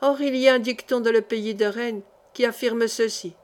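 A woman's voice: on the high side, fairly even intonation, moderate pace. Woman reading a historical novel aloud. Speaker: audiobook narrator. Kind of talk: literary audiobook reading.

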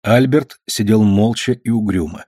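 A male audiobook narrator reading a novel in a steady, measured way. His voice is husky and mid-pitched, recorded close with a dry, dead sound. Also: no room sound.

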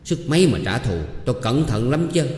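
A man voicing a gruff, complaining manager of a theater troupe, in an echoey hall. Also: medium pitch, expressive, brisk, darkish tone, natural voice. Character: grumbling male troupe manager, bossy.

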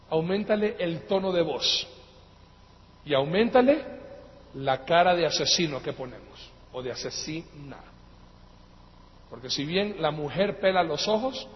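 Male preacher, Latin American accent, high-pitched, swings loud to soft, hall reverb with faint hiss. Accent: Latin American Spanish. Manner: emphatic preaching that swings between loud outbursts and quiet asides; addresses listeners as brothers. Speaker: pastor. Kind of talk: sermon. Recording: echoey hall, dull lo-fi sound, faint noise.

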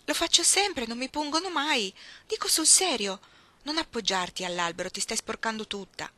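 A woman's voice: fairly high pitch, lively intonation, normal speed, bright, forceful tone, pitched above the performer's own voice. A woman reading aloud, voicing a bold, mischievous tomboyish young woman who coaxes and pleads dramatically. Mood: coaxing.

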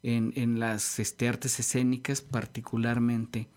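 A Mexican man hosts a radio program from a studio microphone, easygoing and talkative. He rambles, circles back on his words and fills pauses as he goes, at an ordinary middle pitch. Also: level tone, a little mellow. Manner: chatty, rambling, with many fillers and restarts. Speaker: radio host. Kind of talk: relaxed studio radio chat.

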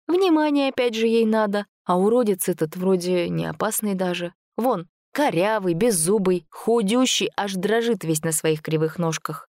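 A woman narrating a story aloud in an even, measured storytelling manner. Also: medium pitch, no room sound, studio quality. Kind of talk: audiobook narration.

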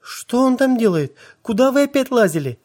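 A man's voice: extremely high pitch, very animated, moderate pace, a little mellow, pitched above the performer's own voice. A man voicing a worried middle-aged aunt who fires off anxious questions.

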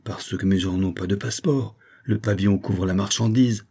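A man voicing a proud, imperious old army general in an audiobook, speaking in a commanding, haughty way with a husky voice. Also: on the low side, fairly even intonation, normal speed, dark tone.

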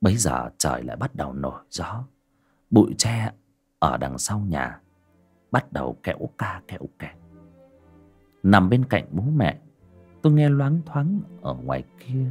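A man reads a horror audiobook in a low voice. His delivery is measured and dramatic, and his pitch swings widely from line to line. He tells the story at a steady, unhurried storytelling pace. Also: husky, faint music behind. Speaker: audiobook narrator.

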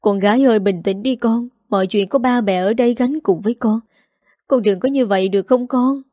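A tender older mother coaxes her frightened daughter to calm down, as a woman narrator puts her on. The voice is mellow and dark, with even pitch. It comes through a dry, close storybook recording. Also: a little fast, no echo, close to an everyday voice. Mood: comforting. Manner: gentle, coaxing.

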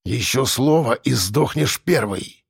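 Menacing male thug, voiced by a narrator, low growl, slow, dry sound. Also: animated, vocal fry, breathy edge, no room sound, full character voice.

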